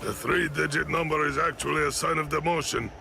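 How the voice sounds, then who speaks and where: An actor voicing a boastful, theatrical middle-aged warrior villain in an anime game dub, pompous and taunting. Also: male voice, fairly high pitch, a little fast, creaky, over music. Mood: proud explaining.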